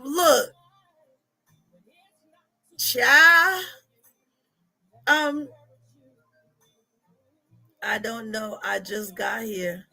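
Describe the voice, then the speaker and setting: A woman, hosting a casual livestream as a life coach, chatty and animated with frequent laughter. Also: fairly high pitch, extremely slow, vocal fry, long pauses, soft background music. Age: 40s. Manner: animated, laughing, chatty, reads comments aloud.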